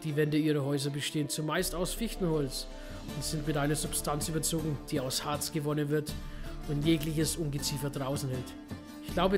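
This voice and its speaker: A man hosting a game playthrough, reading in-game books aloud with small slips he corrects. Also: a little high. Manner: reads narration steadily, with small slips and self-corrections. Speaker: let's play host.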